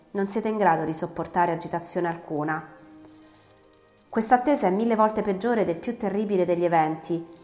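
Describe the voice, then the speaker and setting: A woman voicing a kindly, formal older male magistrate who speaks gravely. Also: fairly low pitch, natural voice. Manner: gentle, formal, turns stern. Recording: roomy recording, faint music.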